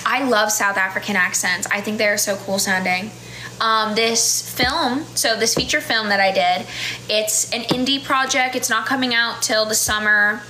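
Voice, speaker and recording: A woman in her twenties from the United States, with a General American accent, hosts a casual livestream from a small indoor room, reading viewer comments with frequent laughs and fillers. Her voice is on the high side, sharp in tone, and moderately paced. Recorded close up on a phone camera, the audio is rough with a slight hiss or hum.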